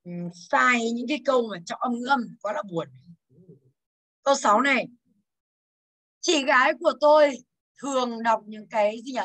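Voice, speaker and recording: A woman's voice: on the high side, normal speed, long pauses, fairly bright tone, low-quality recording. A young woman teaching English, going through exam answers and teasing her students as she asks them for each answer. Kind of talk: exam answer walkthrough lesson.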